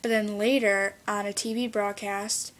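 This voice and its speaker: Girl giving a flat-voiced book report. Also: medium pitch, unhurried. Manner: plain, even recitation with fillers. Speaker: student presenting a book report.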